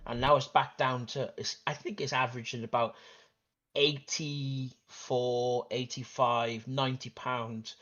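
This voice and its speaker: A man chats as a guest on a live stream, rambling through jokes and poking fun at himself. His pitch is middling and his delivery is loose and conversational. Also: flat delivery, unhurried, fairly bright tone, dull audio. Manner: rambling, jokey, self-deprecating. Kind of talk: casual live-stream chat.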